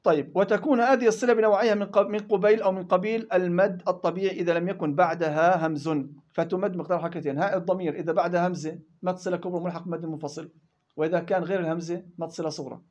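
A man teaching tajweed rules in a classroom lesson, explaining quickly and chanting verse examples in between. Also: high voice, fairly even intonation, darkish tone, dull audio. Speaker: Quran recitation teacher.

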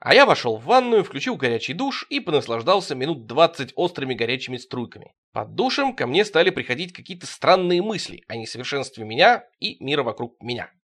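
Wry male audiobook narrator, lively pitch. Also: fairly quick, few pauses. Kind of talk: audiobook reading of absurdist prose.

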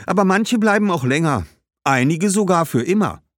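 A man voicing a lively, talkative market girl in a children's audiobook, in a much higher voice than his own. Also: moderate pace, dry recording, studio quality. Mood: enthusiastic. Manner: enthusiastic, talkative, high-pitched. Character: lively Carthaginian market girl, chatty and proud. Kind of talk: storybook character voice.

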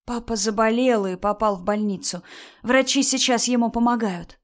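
Woman doing a firm young mother, stern and steady; storybook read-aloud. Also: on the high side, moderate pace, pitched above the performer's own voice, close to an everyday voice. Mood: soothing. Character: firm young mother standing her ground.

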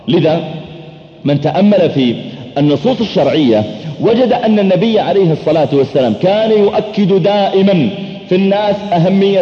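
A middle-aged male preacher delivers a sermon at a quick clip, acting out his anecdotes with lively turns of voice. His voice sits a little high. The recording is dull and lo-fi, and it carries the long echo of a large hall. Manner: animated, acts out dialogue, chants verses slowly. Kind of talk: sermon storytelling. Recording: echoey hall, dull lo-fi sound.

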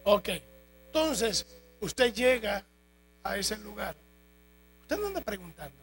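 A man preaching a sermon in a church, telling jokes and stories in a lively way. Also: high-pitched, slow, creaky, poor audio. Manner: animated, joking storytelling. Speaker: pastor. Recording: faint mains hum.

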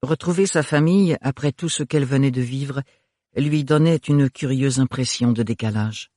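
A man narrating an audiobook in an expressive, animated storytelling way. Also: mid-range voice, normal speed, dry recording, studio quality. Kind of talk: scripted narration.

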